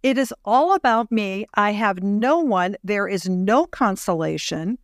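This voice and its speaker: A woman with a mid-range voice hosts an interview in a reflective, measured way, stretching out the phrases she wants to land. Her microphone sound is close and dry. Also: mid-range voice, animated, dry recording. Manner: reflective, slows down on key phrases. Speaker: podcast host. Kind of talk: interview conversation.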